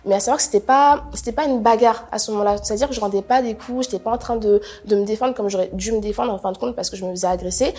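A woman's voice: a little high, rapid-fire, hardly any pauses, slightly rough. A young woman telling her own story in casual testimony, acting out the people she quotes. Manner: animated storytelling, acting out others' quoted lines. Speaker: person recounting a personal ordeal. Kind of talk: casual first-person testimony.

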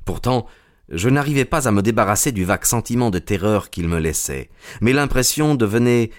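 Male audiobook narrator, lower voice, measured dramatic first-person storytelling. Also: animated.

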